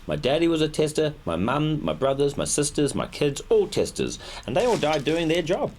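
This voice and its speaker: A man voicing a meek, cheerfully resigned lab rabbit, halting and apologetic in an animated mockumentary interview. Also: fairly high pitch, a little hiss or hum. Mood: resigned, upbeat. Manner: halting, apologetic, stoically upbeat.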